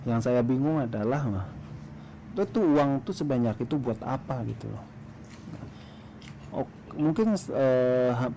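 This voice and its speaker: Man storytelling casually over clear background noise. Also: medium pitch, dark tone. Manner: hesitant, halting delivery with throat-clearing. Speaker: food vlogger telling a story.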